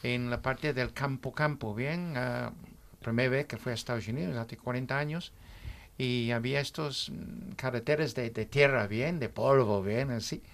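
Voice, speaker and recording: A man in his sixties, an English native with an accent in Spanish, chatting as a radio guest in a halting way, often checking with "¿bien?". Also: mid-range voice. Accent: English speaker in Spanish. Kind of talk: casual radio chat.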